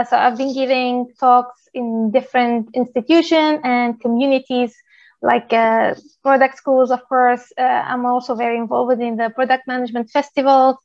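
A woman from Tunisia, a product manager in her thirties, giving a talk in a steady explanatory way with many "uh" pauses. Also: high voice, no room sound, lo-fi sound. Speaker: guest speaker, product manager. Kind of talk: presentation talk.

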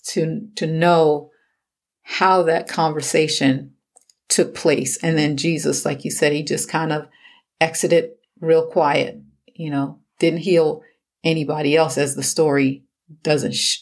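A woman's voice: low voice, steady tone, slow pace. A woman in a casual Bible discussion, thinking aloud and wondering about the scene. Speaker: Bible study co-host.

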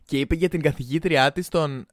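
A young Greek man co-hosting a casual chat, animated and laughing, slipping playfully into other languages. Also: fairly high pitch, no echo, studio quality. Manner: animated, laughing, jumps into playful English and Spanish.

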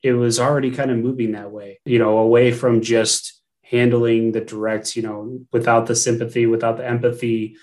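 A man's voice: medium pitch, little pitch movement, moderate pace, a little mellow. A man with an American accent hosting a podcast interview, speaking hesitantly with many restarts. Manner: hesitant, with repeated restarts and fillers. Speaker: podcast host.

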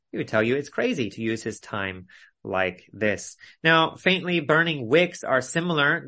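Earnest and instructive, a man with a mid-range voice and a sharp tone works through an expository Bible study on an online call, keeping his phrasing measured.

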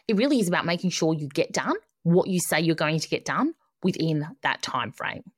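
A woman's voice: deep voice, animated, fairly quick, breathy edge, dry recording, studio quality. A woman podcast host delivering an upbeat, tidy advice monologue, instructive and emphatic, building points in repeated phrases. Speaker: podcast host giving productivity coaching.

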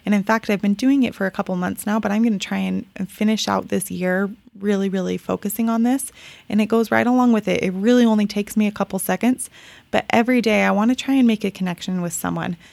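A woman's voice: medium pitch, fast talker, gravelly, darkish tone, dry recording. A woman hosting her own podcast, talking casually and upbeat, often repeating words for emphasis. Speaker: podcast host. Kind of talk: casual solo podcast talk.

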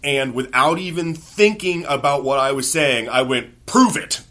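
Bright-voiced man telling funny stories. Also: mid-range voice, moderate pace. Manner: frequent swearing, wry self-mocking. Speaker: podcast host. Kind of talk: casual comedic storytelling.

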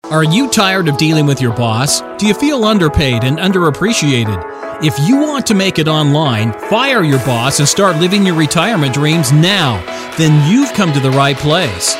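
A man's voice: a little high, very animated, moderate pace. A man reading a scripted podcast intro as an announcer, with punchy, emphatic delivery. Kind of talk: scripted promo voice-over. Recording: voice-over with music bed behind.

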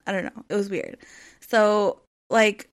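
Talking unhurriedly at medium pitch with vocal fry, a thirtysomething woman rambles through a casual solo episode of her podcast, saying "um" and "like" constantly.

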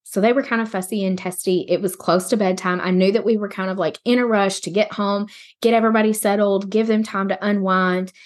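A woman's voice: medium pitch, fairly even intonation, brisk. A woman hosting a podcast, telling a personal story in a rambling, candid, conversational way. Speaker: podcast host. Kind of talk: casual personal storytelling monologue.

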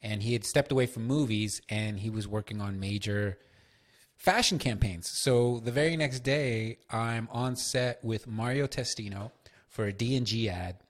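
A man hosting a solo podcast, telling loose, profane stories with lots of fillers. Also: fairly low pitch. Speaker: podcast host.

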